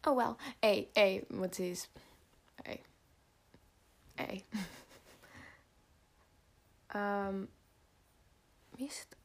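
A teenage girl from Finland talking in a casual monologue, slangy and dramatic, swearing often and jumping between whispers and loud outbursts. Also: mid-range voice, long pauses. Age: teens.

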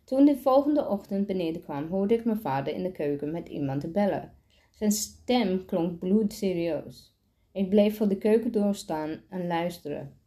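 A woman's voice: fairly low pitch, animated, normal speed, warm tone. A woman reading a children's novel aloud, often tripping over words and restarting them. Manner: stumbling reading with frequent restarts.

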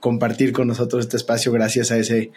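A man hosts a podcast in a casual, measured way, pausing to explain background for the listeners. His voice is husky and mid-pitched. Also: monotone, darkish tone. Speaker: podcast host.

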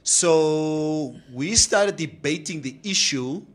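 A man's voice: fairly high pitch, takes it slowly. A man hosting a casual, opinionated discussion, slipping in Afrikaans phrases. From South Africa. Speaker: talk show host.

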